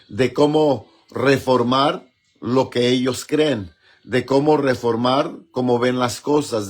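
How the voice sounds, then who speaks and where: A man teaching a sermon, pausing often and checking in with his listeners. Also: medium pitch. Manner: slow, deliberate delivery with frequent pauses and fillers; asks listeners for agreement with repeated tag questions. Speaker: preacher.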